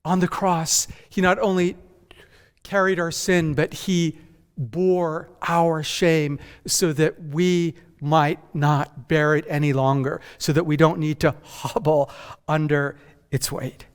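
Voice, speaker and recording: A man born in Japan and raised in North America, preaching a measured, emphatic conference sermon as senior pastor that builds through repeated phrases. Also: fairly high pitch, steady tone, clean tone. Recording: long hall reverb.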